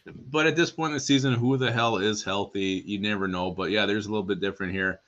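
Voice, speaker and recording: A man co-hosts a live sports chat, teasing his partner and reading out viewer comments. His voice sits low but sounds forceful. The audio is dull and lo-fi. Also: fast. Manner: teasing, laughs often, reads viewer comments. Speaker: sports podcast co-host.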